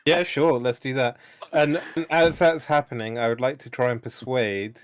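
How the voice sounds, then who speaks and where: A man's voice: medium pitch, moderate pace, no echo. A man chatting casually as he improvises his part as a player in a tabletop game. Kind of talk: casual improvised role-play chat.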